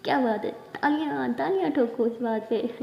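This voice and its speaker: A woman's voice: sits high, moderate pace, vocal fry. A woman voicing a playful, dramatic young woman in love, in a dull lo-fi recording. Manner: bubbly, dramatic. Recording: roomy, dull lo-fi.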